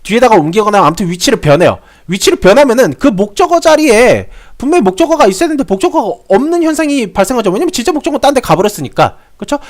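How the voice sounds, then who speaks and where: A young man who teaches English grammar to students, talking in a chatty way, repeating phrases and asking rhetorical questions. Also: high-pitched. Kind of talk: explanatory grammar lesson.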